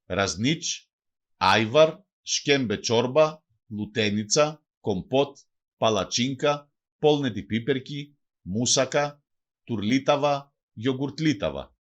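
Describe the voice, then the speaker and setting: A man narrating a language lesson from a script. He reads each word and then its translation in a measured teaching cadence. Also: medium pitch, animated, muffled recording.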